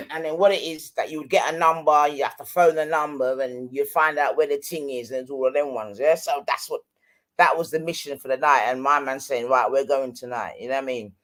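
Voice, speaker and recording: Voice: mid-range voice, fairly quick, fairly bright tone. Casting: middle-aged Londoner, roadman slang and accent, casual anecdote-teller who keeps checking the listener follows. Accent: London, street slang. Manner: London roadman way of talking, slangy, frequent tag questions. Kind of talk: casual storytelling chat.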